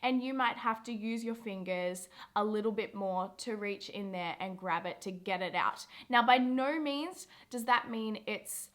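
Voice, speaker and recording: A woman's voice: mid-range voice, unhurried, few pauses, a bit bright. A young woman hosting a casual review vlog, chatty and encouraging, with frequent "like" fillers. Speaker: women's health video host.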